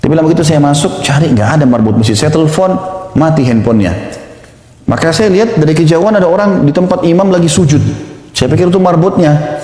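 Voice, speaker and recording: A male preacher tells a story at a quick clip, moving swiftly through the quoted dialogue. His voice sits a little high but sounds mellow. The recording carries a hollow hall reverb. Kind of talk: storytelling sermon.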